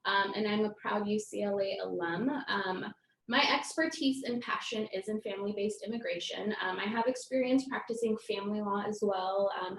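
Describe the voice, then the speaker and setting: A woman's voice: medium pitch, fairly bright tone, echoey room, low-quality recording. A woman immigration attorney presenting slides in a live webinar, talking hesitantly with many filler ums and restarts. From United States (born in Iraq, raised in the US from age four).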